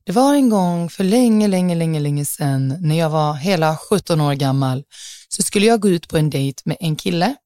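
Young woman, low-ish voice, dry close mic, chatty and dramatic storytelling. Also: lively intonation, mellow, no echo. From southern Sweden. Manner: chatty, dramatic, mixes in English phrases. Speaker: podcast host. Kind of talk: casual storytelling.

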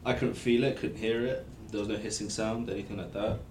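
A man's voice: lowish voice, steady tone, fairly quick. A man chatting casually and telling stories in a jokey, self-deprecating way. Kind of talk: casual storytelling chat. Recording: roomy echo with faint noise.

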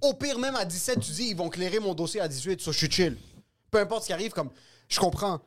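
A man's voice: high voice, expressive, quick pace, slight background noise. A man in casual podcast chat, pushing back and reasoning things through. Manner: challenging, reasoning out loud.

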